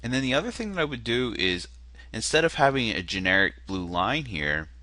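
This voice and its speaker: In a casual screen-share, a man critiques a landing page as a marketer, his medium-pitched nasal voice sharp in tone and swinging widely in pitch at a brisk pace. He hesitates, uses many fillers and makes fun of himself. The recording is dry.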